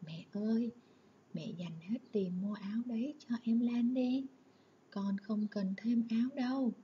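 A woman voicing a kind young boy, an older brother who whispers softly but firmly, while reading a story aloud for pupils. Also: a little high, measured pace, lo-fi sound, a little hiss or hum, lightly acted. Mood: earnest.

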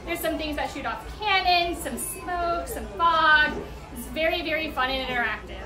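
A woman's voice: high voice, animated, normal speed, far from the mic. A young woman working as a theme park attendant, giving guests a friendly briefing. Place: small themed booth. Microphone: handheld camera at some distance. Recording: echoey, off-mic, music behind.

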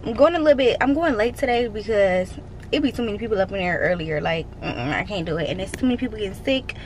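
A young woman vlogs to her viewers, partly from her car, holding her phone at arm's length and speaking straight to them in a chatty, playful way. Her medium-pitched voice is expressive and quick, with a faint hiss or hum underneath.

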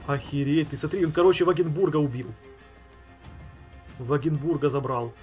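Male gaming streamer, slightly high voice, slangy thinking-aloud commentary, music behind. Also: steady tone, normal speed, darkish tone. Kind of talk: casual gameplay commentary. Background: game music.

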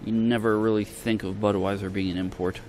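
Brisk and a little mellow, a man with a lowish, fairly monotone voice films a casual shopping tour in a large supermarket. He speaks from behind his handheld camera, offhand and tentative, trailing into fragments, with store sounds clearly picked up.

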